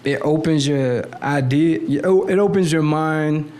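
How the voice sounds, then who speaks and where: Young man, podcast guest, animated storyteller, slightly raised pitch, studio boom mic. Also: unhurried. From Navy brat, born in the Philippines, lived in Miami. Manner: animated storyteller with frequent restarts and slang. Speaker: podcast guest, clothing designer. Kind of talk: casual podcast conversation. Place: small studio room with a table. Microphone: boom mic on arm at the table.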